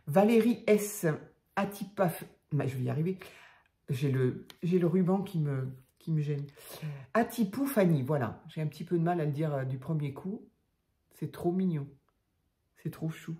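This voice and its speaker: An older woman casually showing craft tags to her viewers, talking softly and chattily with many hesitations. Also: deep voice. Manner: chatty, soft-spoken, hesitant with fillers. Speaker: craft channel host.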